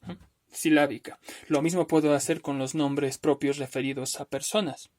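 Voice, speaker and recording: A man teaching a recorded spelling lesson over slides, patient and step by step, often checking in with "¿no?" and slowly drawing out words to show where the stress falls. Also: a little high, steady tone, a little mellow. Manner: patient, explains step by step with frequent "¿no?".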